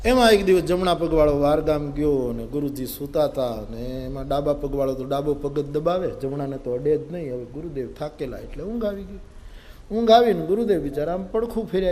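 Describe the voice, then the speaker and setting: A man's voice: on the high side, a little hiss or hum. A man with a Gujarati accent telling a humorous religious story in a sermon, acting out the characters' lines. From India. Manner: animated, acts out characters, audience laughter. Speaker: spiritual storyteller. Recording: long-reverb hall, live event.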